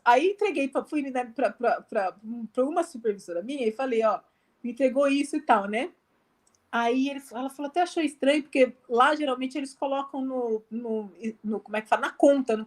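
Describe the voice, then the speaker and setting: Over a live video call, a high-pitched missionary woman with a Brazilian Portuguese accent shares her testimony as a guest. She's chatty and uses lots of fillers, performing the dialogue she quotes.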